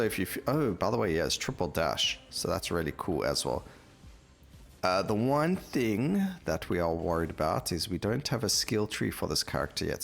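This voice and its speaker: Rambling casually while he plays, a low-pitched, creaky-voiced man hosts a gameplay video and thinks out loud in relaxed game commentary.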